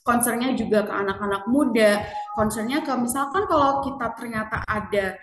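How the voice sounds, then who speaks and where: A woman's voice: a little high, moderate pace, reverberant, distant mic. A woman presenting a casual marketing lecture, chatty, often asking the audience questions.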